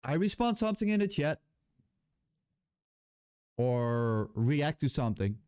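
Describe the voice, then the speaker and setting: Unscripted and heated, this Dutch-accented vlogger and ex-level designer vents to camera in his second language, cursing openly and hunting for words. His fairly high voice swings widely in pitch, stays unhurried and a little mellow, and the studio-quality sound is clean with no room echo.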